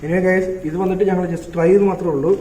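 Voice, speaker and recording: A man's voice: high voice, fairly even intonation, quick pace, mellow, a little hiss or hum. A young man from Kerala hosting a night ghost-hunting vlog in an abandoned house, calling out over and over in a pleading way. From Kerala, India. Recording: echoey room, dull lo-fi sound.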